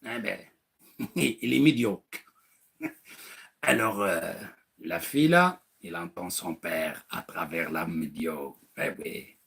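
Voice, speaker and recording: Animated preacher man with a lively voice. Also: low-pitched, slow pace, creaky, long pauses, breathy edge. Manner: acts out dialogues, rhetorical questions, mocking. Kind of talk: animated religious talk.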